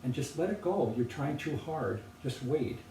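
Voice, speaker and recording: An older man, a potter, talking thoughtfully and unhurriedly about objects he cares about, with pauses and restarts. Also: medium pitch, animated, dark tone. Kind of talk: relaxed reflective conversation. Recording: roomy, distant from the mic, faint noise.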